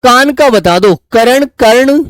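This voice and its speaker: A man's voice: extremely high pitch, lively intonation, takes it slowly, fairly bright tone, clear, resonant tone, dry recording, studio quality. A man teaching a live online quiz class, coaxing his students and calling them "beta" as he goes through the answers.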